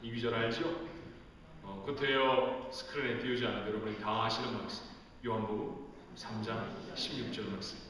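A man's voice: medium pitch, fairly even intonation, moderate pace, fairly bright tone, slight background noise. A middle-aged man preaching a sermon as pastor, rising to emphatic peaks and acting out quoted family talk. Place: large church sanctuary. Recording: echoey hall recording from a distance.

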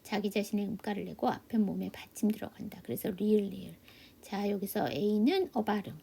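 A woman teaching English pronunciation in an online class, asking questions and answering them herself, often dropping to a soft half-whisper. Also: medium pitch, moderate pace, gravelly, breathy edge. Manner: patient step-by-step drilling, asks and answers own questions. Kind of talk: online phonics lesson. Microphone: computer mic for a video class.

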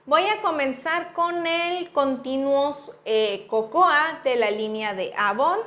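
A beauty vlogger and channel host with a Mexican accent gives a casual, chatty makeup review full of affectionate diminutives. Her voice sits high, with a fairly bright tone and slow pace.

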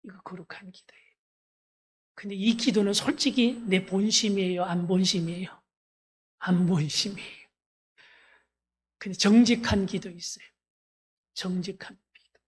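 A woman pastor delivers a sermon at a church service, her voice husky and a little breathy. She talks earnestly and directly to the congregation and leads them through scripture readings aloud. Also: mid-range voice, moderate pace, pauses often.

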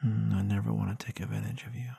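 An ASMR role-play with a man acting as a gently dominant, protective boyfriend at bedtime. His low, husky voice crackles with fry as he murmurs tender reassurance. It is breathy and intimate, right up close in a very dry space. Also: steady tone, fast talker, no room sound, exaggerated voice. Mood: protective, reassuring. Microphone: close microphone in a dry space.

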